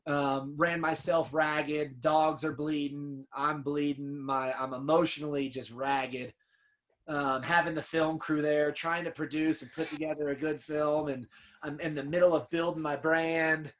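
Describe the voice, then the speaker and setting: A man with a fairly high, level, fairly bright voice speaks unhurriedly as a podcast guest in a casual storytelling interview. An upland hunter who owns a dog kennel, he tells hunting stories in an earnest, emotional way, often saying "man" and "dude."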